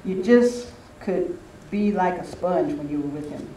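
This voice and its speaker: An older man shares anecdotes with a spiritual retreat gathering, reminiscing in a casual, conversational way. He sounds animated, with a high, warm voice and a measured pace. The audio is roomy, captured by a distant mic with faint noise.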